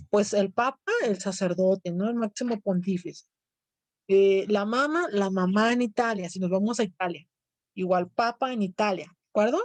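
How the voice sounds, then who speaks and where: A woman's voice: fairly high pitch, dry recording. A woman teacher with a Mexican accent lecturing a class, explaining step by step and often checking in with her students. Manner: explanatory, asks students questions.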